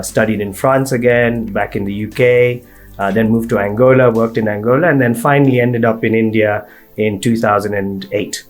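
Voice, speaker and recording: A man in his forties from Kenya, a podcast guest telling his career story fluently. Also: lowish voice. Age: 40s. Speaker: guest, recruitment firm partner. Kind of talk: interview.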